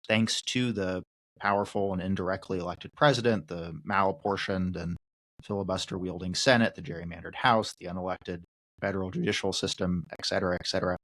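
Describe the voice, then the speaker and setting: A man hosting a podcast, putting a long, measured question to his guest and building it up with lists. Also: deep voice, fairly even intonation, a bit bright, dry recording, rough recording. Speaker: podcast host. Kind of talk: interview question.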